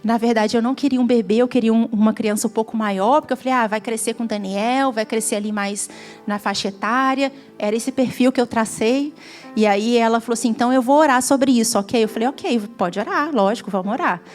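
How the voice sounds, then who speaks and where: A woman's voice: on the high side, fairly quick, darkish tone, soft background music. A woman from Brazil with a Brazilian Portuguese accent, giving a heartfelt testimony sermon at a church gathering that rises to fervent emphasis. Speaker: guest preacher.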